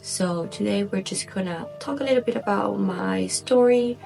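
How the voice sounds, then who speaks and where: Her mid-range voice is creaky and a little mellow, and she speaks at a moderate pace, with faint music behind her. She's a woman in her twenties from Buenos Aires, Argentina, chatting casually in a personal vlog in her native Spanish with an Argentine accent.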